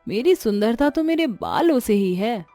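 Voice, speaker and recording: A woman voicing a vain, boastful young daughter-in-law who teases her mother-in-law in an animated storybook. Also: fairly high pitch, normal speed, no echo, faint music behind. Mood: teasing. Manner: teasing, boastful.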